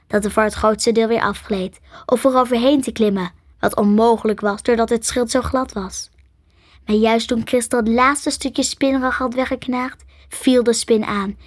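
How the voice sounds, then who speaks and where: A woman narrating a children's storybook in a soft, half-whispered voice. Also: fairly high pitch, dry recording, studio quality. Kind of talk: storybook reading.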